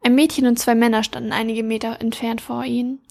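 A woman reading her own fantasy story aloud, narrating softly and often half-whispering. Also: on the high side, level tone, fairly quick, creaky. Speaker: reader and author.

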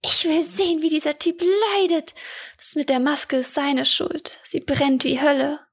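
A woman voicing a bratty, defiant masked girl in a fantasy audiobook, speaking in a high, snippy, taunting voice. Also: steady tone, measured pace. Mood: cheeky.

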